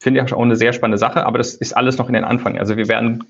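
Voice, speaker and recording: A man being interviewed over a low-quality phone call, explaining things at length in a loose, conversational way. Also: flat delivery, very fast. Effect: low-quality phone call recording. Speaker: conference lead organizer, interview guest. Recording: dull lo-fi phone call audio.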